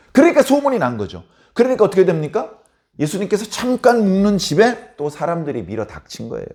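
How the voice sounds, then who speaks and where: A man's voice: fairly high pitch, a little mellow. A man preaching a dawn sermon as a pastor, telling the story dramatically and acting out the people in it. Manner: dramatic, acts out biblical characters in voices.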